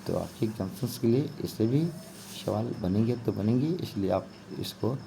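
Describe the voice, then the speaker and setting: A man's voice: lowish voice, moderate pace, creaky, background noise. A male teacher giving an exam-prep grammar lesson, explaining step by step and often checking in with "okay" and filler phrases. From India. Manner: explanatory, repeats "ठीक है" and "जो है आपका".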